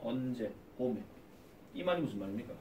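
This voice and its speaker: Heard from a distance in an echoey classroom, a male English teacher at an academy goes through a reading text, repeatedly quizzing the students and answering for them. He has a medium-pitched, dark voice with lively intonation, speaks a little fast, and there's slight background noise.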